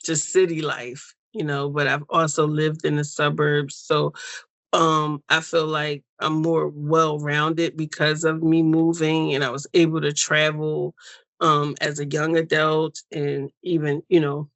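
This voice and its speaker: An American woman as an interview guest, speaking in a reflective, unhurried way with many pauses and fillers over a video call. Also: low voice, little pitch movement, a bit bright, no echo. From United States. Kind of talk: personal story interview.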